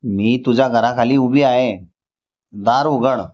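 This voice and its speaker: A man's voice: mid-range voice, steady tone, measured pace, darkish tone, close to an everyday voice. A man reading as a secretive young woman. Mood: pleading. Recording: slightly dull lo-fi recording.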